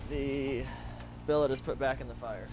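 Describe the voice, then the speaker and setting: Man narrating a forge demo, halting with fillers, medium pitch, noisy outdoor sound. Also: fairly even intonation. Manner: plain, halting, many "uh" fillers. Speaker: hobby blacksmith. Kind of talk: explaining narration over a demo.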